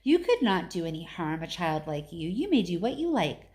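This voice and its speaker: A woman's voice: lowish voice, big pitch swings, moderate pace, darkish tone. A woman voicing a miserable, distracted middle-aged man, abrupt and absent-minded, in a storybook reading. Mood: worried, weary.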